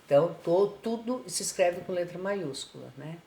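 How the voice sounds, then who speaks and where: Patient Brazilian teacher in an echoey room. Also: female voice, lowish voice, expressive, normal speed, creaky, mellow. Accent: Brazilian Portuguese. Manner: patient, repeats "né?" and "tá?" after each point. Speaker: schoolteacher. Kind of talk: remote lesson explaining homework. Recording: echoey room with faint background noise.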